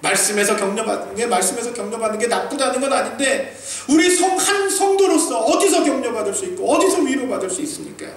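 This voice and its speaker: A man from South Korea preaching a sermon as a pastor, animated and emphatic, swinging between loud peaks and quiet asides, acting out quoted remarks with humor. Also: very high voice, quick pace, hardly any pauses. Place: church sanctuary. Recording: echoey distant hall recording with faint noise.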